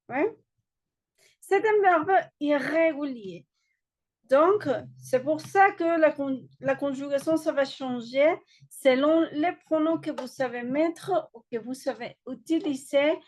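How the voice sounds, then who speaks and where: Slow, high-voiced woman teaching French. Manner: slow, explains step by step, switches between French and Spanish. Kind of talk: online class lecture.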